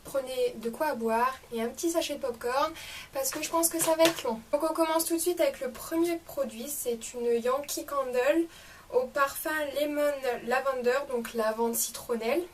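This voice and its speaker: A young woman chatting casually through a beauty product review vlog, enthusiastic and full of fillers. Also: sits high. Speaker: beauty vlogger. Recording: slightly distant mic with faint room noise.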